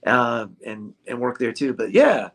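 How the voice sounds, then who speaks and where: In an unhurried, sing-song way, a medium-pitched man from the US talks about his ukulele shop during an interview. The conversation is casual, and he's jokey, laughing frequently.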